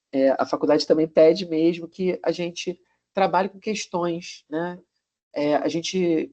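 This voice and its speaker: A man with a Brazilian Portuguese accent giving a live online college class, relaxed, with many tag questions and restarts. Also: medium pitch. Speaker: college lecturer. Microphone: video call. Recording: muffled lo-fi video call audio.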